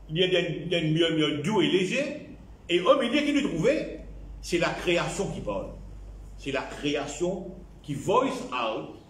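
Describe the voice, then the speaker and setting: Lively Mauritian pastor preaching in an echoey hall. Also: male voice, on the high side, slight background noise. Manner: repeats key phrases, mixes in English words. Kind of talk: sermon. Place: church.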